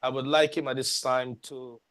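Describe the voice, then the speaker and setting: A man's voice: medium pitch, little pitch movement, moderate pace, a bit bright. Man chairing a meeting, formal and welcoming. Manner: formal, welcoming, addresses people by title.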